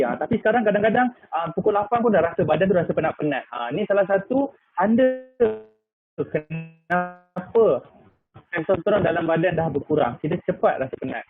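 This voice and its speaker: A man in his thirties with a Malaysian Malay accent, giving a chatty live product talk full of "ah" fillers and English words. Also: high-pitched. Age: 30s. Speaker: product presenter. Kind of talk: live online sales talk. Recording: tinny phone-like line with faint noise.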